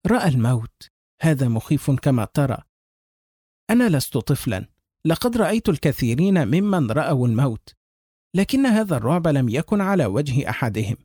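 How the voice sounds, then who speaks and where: A man's voice: on the high side, sing-song, fairly quick, dark tone, slightly rough, dry recording, clean studio sound. A man reading as a grim, weary police officer. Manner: grim, matter-of-fact reasoning. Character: weary seasoned male police lieutenant colonel.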